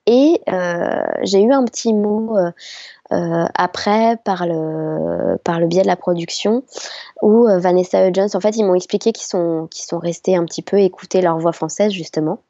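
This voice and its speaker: A middle-aged voice actress telling stories in an interview, chatty and hesitant with many fillers. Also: female voice, lowish voice, moderate pace, mellow, no room sound. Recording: slightly dull lo-fi sound.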